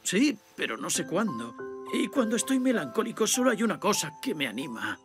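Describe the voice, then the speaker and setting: A man voicing a melancholy, theatrical grasshopper violinist in an animated cartoon. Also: high-pitched, a little fast, over music.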